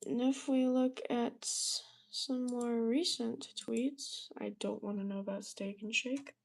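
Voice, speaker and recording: A woman's voice: fairly high pitch, steady tone, measured pace, vocal fry, poor audio. A woman giving casual, sarcastic commentary on weather posts as she browses, swearing freely. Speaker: weather streamer.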